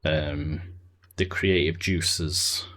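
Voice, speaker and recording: A man with a slightly bright bass voice talks very slowly and fairly evenly. Playing a building game on a live stream, he thinks aloud loosely, lets thoughts trail off, and answers people in chat.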